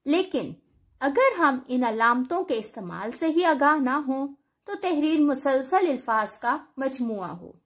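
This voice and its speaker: Female teacher, high voice, measured scripted lecture delivery. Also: lively intonation. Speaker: Urdu teacher.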